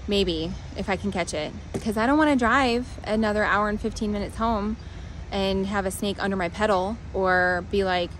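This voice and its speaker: This low-quality clip has slight background noise and catches a woman in her forties vlogging in a parking lot, phone held out at arm's length. At a moderate pace and medium pitch, she tells a rambling, flustered story and keeps sighing.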